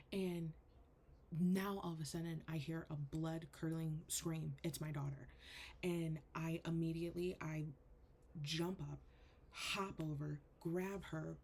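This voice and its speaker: A young woman and spiritual coach telling a painful personal story in an earnest, halting way, full of "like". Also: deep voice, vocal fry, a little mellow, a little hiss or hum.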